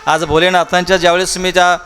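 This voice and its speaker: A man's voice: sits high, little pitch movement, fast talker, fairly bright tone, soft background music. A man preaching a devotional katha sermon with a Marathi accent, full of rhetorical questions to the crowd and repeated phrases. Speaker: kirtan preacher telling the Shiv Mahapuran katha. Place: large public gathering at a festival.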